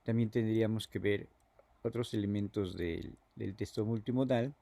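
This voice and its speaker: Man, teacher's lecture, lowish pitch, mellow tone, halting with fillers. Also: fairly even intonation, gravelly, no room sound. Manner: halting, repeats words, fills with "este".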